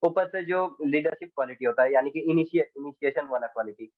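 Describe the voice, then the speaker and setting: A teenage boy from India answers interview questions haltingly, restarting and slipping into English phrases now and then. The sound is thin and phone-like, and bone dry, as if it came over a video call. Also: a little high, no room sound. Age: teens. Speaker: interview guest, exam candidate. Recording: tinny dry phone-like line.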